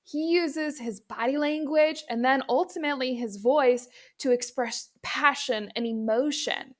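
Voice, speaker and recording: A woman's voice: high-pitched, measured pace. A woman presenting as a speaking coach, giving instructive video commentary addressed directly to the viewer.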